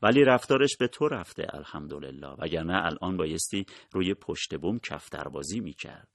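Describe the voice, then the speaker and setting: A weary, soft-spoken wife, read by a man. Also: low-pitched, lively intonation, creaky, no room sound, clean studio sound, heavily acted. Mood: wistful.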